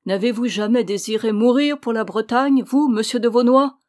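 A woman reading the lines of a stern old male nobleman in an audiobook, slow and solemn. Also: medium pitch, darkish tone, lightly acted.

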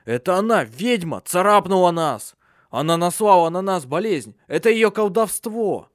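A man's voice: high-pitched, animated, moderate pace, dry recording, studio quality, pitched above the performer's own voice. A man voicing the eldest soldier, fearfully blaming a witch's curse in an audiobook. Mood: grim. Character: eldest grim male soldier.

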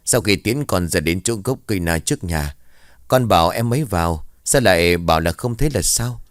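Man voicing an earnest young ritual master, consoling, low voice, dry. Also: animated, brisk, no echo.

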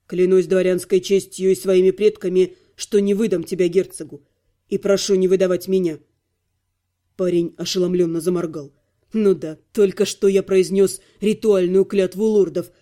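A man narrates an audiobook in the first person, his voice sitting fairly high for a man. The tone is soft and mellow rather than bright. He tells the story with dry, self-mocking irony. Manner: wry, self-ironic storytelling.

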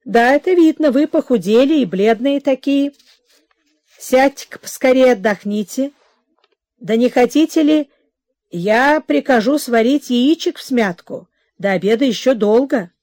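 A woman's voice: expressive, unhurried, darkish tone, dry recording. A woman reading an audiobook, voicing a fussy, anxious middle-aged mother who frets and exclaims. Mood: fussing. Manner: fretful, exclaiming, high-strung.

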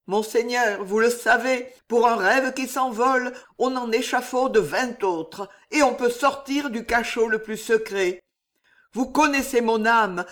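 A man's voice: extremely high pitch, a bit bright, voice pushed up. A man voicing a frightened, ambitious young cleric who stammers and pleads with his superior. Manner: trembling, stammering pleas.

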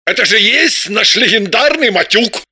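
A reader voicing a boisterous, boastful man who exclaims and shouts hearty remarks in an audiobook. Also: medium pitch, animated, moderate pace, breathy edge, no room sound, studio quality, voice pushed up, full character voice. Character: boisterous loud man, boastful card-playing host. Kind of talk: audiobook character voice.

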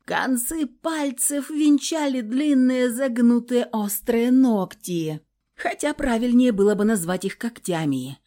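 A woman narrating a first-person story aloud with a lively, sarcastic delivery. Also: on the high side. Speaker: audiobook narrator.

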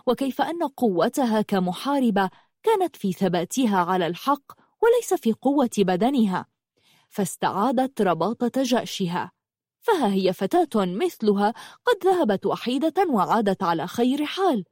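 A woman narrating an audiobook in an expressive, dramatic reading style. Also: on the high side, normal speed, dry recording, clean studio sound. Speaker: storyteller.

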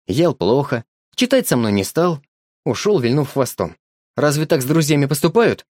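A man's voice: mid-range voice, normal speed, dry recording, studio quality. A man voicing an eager young village boy who calls out and pleads in an audiobook. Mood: reproachful. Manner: excited, calling out and pleading. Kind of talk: audiobook character voice.

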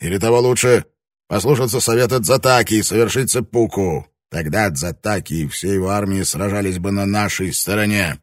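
A male reader voicing a furious, bullying samurai lord who barks and shouts his lines in an audiobook. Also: deep voice, moderate pace, few pauses, no room sound, studio quality, lightly acted. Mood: scheming, harsh. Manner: barking, bullying, explosive shouting. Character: furious proud samurai lord, middle-aged man. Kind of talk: audiobook character reading.

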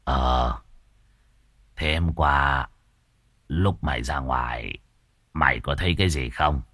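A man's voice: rumbling low, slow, bright, forceful tone, dry recording, clean studio sound, voice pushed down, exaggerated voice. A man voicing a panicky, bullying old village landlord, shrieking when scared and growling when cross. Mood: gruff.

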